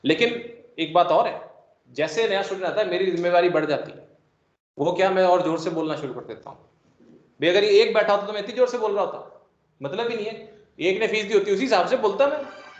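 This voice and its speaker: A man's voice: sits high, fairly quick, long pauses. A male chemistry teacher giving a classroom lecture, joking and explaining with everyday classroom analogies. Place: classroom with students present. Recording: echoey classroom, dull lo-fi sound.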